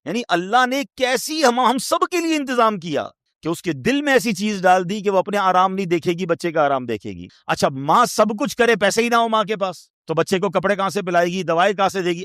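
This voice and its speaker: A man delivering a sermon as a preacher, emotive and rhetorical. He asks the listeners questions and swings from loud, high questions to low, quiet asides. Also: dry recording, clean studio sound.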